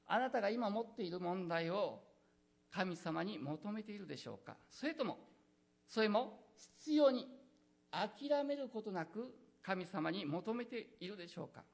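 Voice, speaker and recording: Husky, gravelly preacher with a lively voice. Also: mid-range voice, measured pace. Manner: earnest, exhorting, fillers like "えー". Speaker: pastor. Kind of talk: sermon.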